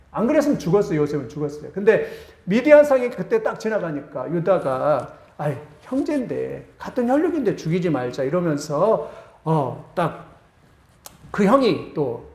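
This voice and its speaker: A male pastor preaching a sermon, retelling a story with animated emphasis and repeated phrases. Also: high-pitched, echoey room.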